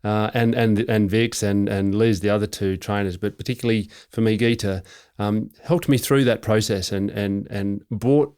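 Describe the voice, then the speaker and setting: A middle-aged man, hosting a podcast interview in a relaxed way, often repeating words and restarting. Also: fairly low pitch, moderate pace, clean tone. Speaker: podcast host. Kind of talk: conversational interview.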